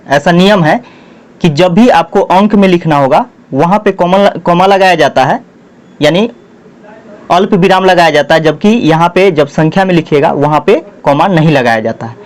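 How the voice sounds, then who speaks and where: A male math teacher with a Bihari Hindi accent, slowly dictating numbers word by word while explaining a lesson at the board. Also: high voice, expressive.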